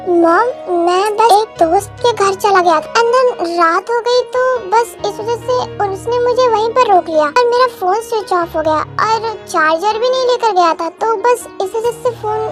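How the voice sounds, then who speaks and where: A woman voicing a teasing, cocky young husband in a fan-dubbed romance, with her voice pushed a little lower. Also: moderate pace, few pauses. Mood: explaining. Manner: teasing, calm, a bit lower than her own voice. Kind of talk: Hindi fan dub of a romance. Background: music.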